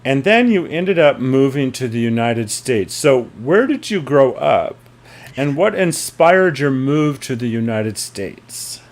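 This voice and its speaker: A man's voice: medium pitch, big pitch swings, takes it slowly. A man hosting his own interview show, earnest and talkative, introducing his guest and carefully crediting others. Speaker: podcast host.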